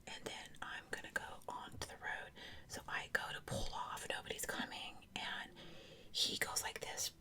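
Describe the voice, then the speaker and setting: A woman's voice: moderate pace, bright, forceful tone. A woman whispers breathily and very close to the ear, telling personal stories in a casual, chatty ASMR style. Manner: chatty, informal, conversational asides. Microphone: close ear-to-ear ASMR microphone.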